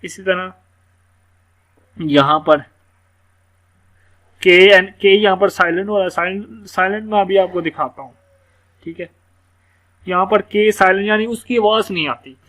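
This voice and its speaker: A man giving a casual phonics lesson, explaining word sounds and slowly spelling out examples. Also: fairly high pitch, fairly bright tone. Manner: casual, explanatory, repeats words slowly letter by letter. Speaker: English teacher. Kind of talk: screen-share phonics lesson.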